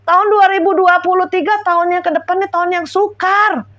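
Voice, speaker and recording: A woman's voice: very high-pitched, steady tone, fairly quick, fairly bright tone, lo-fi sound. A middle-aged woman, preaching an informal home sermon in a conversational, exhorting way. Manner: conversational, exhorting, checks in with listeners.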